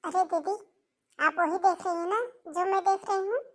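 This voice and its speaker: A woman's voice: very high-pitched, fairly even intonation, moderate pace. A woman voicing a cruel, scheming sister-in-law in a cartoon, speaking in a taunting, spiteful way. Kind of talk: cartoon voice acting.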